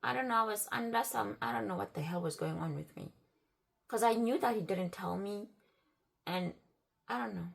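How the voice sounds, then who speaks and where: At normal speed, a woman with a medium-pitched voice and vocal fry shares a personal anecdote in a relaxed, chatty way. Her speech loops back and restarts, and she quotes conversations with "I'm like" and "he's like."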